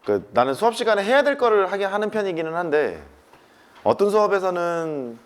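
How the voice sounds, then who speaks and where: A man's voice: sits high, very animated, a little fast. A man teaching a math class, talking to students in casual speech and hammering points home by repetition.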